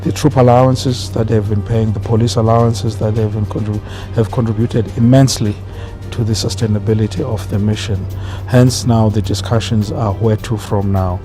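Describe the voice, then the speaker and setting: Male interviewee, official, low measured voice, halting delivery, music underneath. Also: fairly even intonation. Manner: halting, measured, repeats phrases. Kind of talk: unscripted interview remarks. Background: prominent background music.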